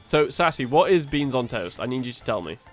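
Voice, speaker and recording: Man, gaming co-host, casual chat, animated, stammering restarts, cursing, medium pitch. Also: a little fast, faint music behind. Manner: animated storyteller, swears and laughs, stumbles over words. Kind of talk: casual chat over gameplay.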